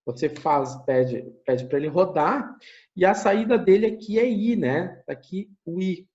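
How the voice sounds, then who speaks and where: In lo-fi audio, a lively male university lecturer with a Brazilian Portuguese accent and a fairly high voice delivers an online lecture while sharing his screen. He explains step by step, thinks aloud and keeps checking in with his listeners.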